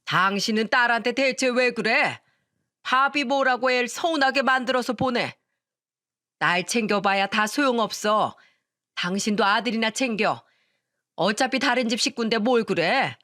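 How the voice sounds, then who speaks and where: A woman's voice: medium pitch, moderate pace, a bit bright, lightly acted. A woman voicing an angry older man who scolds his wife, raised and exasperated in a radio-style story. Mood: scolding. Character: angry older man, gruff father-in-law.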